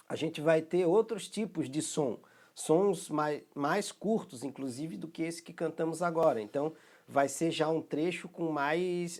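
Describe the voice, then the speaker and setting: A man with a Brazilian Portuguese accent, speaking in a fairly high voice as he teaches a recorded music rhythm lesson. He explains each step patiently and often pauses to check that his students follow along.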